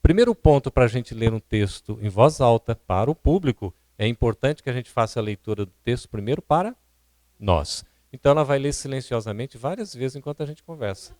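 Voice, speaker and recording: A man's voice: mid-range voice, animated, a little fast, a little mellow, no room sound. Didactic Brazilian man lecturing. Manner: didactic, asks the audience questions. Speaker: seminar speaker. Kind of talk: lecture on public speaking. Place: seminar hall at a spiritist centre.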